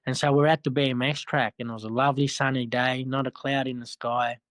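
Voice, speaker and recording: An Australian man telling his life story, halting and repeating himself with frequent "you know". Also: mid-range voice, flat delivery, fairly bright tone, dry recording. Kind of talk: personal storytelling.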